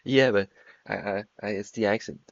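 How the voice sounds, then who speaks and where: Low gravelly young man streaming. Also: moderate pace, dry recording, muffled recording. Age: 20s. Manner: profane, joking banter. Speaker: trading livestream host. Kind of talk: casual stream chat.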